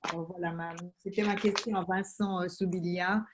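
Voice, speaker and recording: A woman, president of an association, asking a question in an online meeting with many pauses and restarts. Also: on the low side, fairly even intonation, noisy background. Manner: hesitant, many fillers and restarts. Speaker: association president, event participant.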